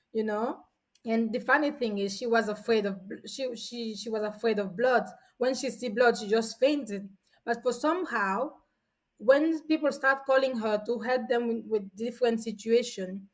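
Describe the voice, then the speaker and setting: A woman's slightly high voice comes through on a rough recording. In her forties and hailing from São Tomé and Príncipe, she's a guest sharing stories in a chatty, casual manner, with frequent restarts.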